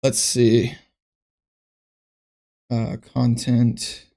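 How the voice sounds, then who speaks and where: A man chatting on a casual livestream, musing aloud and restarting his sentences as he goes. His voice sits at an ordinary middle pitch. He talks into a desk mic at his computer. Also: completely flat delivery, extremely slow, creaky, dark tone. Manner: thinks aloud, rambling with restarts. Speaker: streamer.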